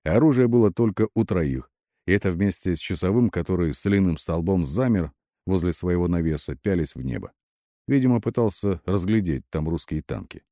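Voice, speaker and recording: A man's voice: sits low, lively intonation, fairly quick, mellow, no echo, studio quality. A man reading a war audiobook with terse, gritty delivery. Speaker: audiobook narrator.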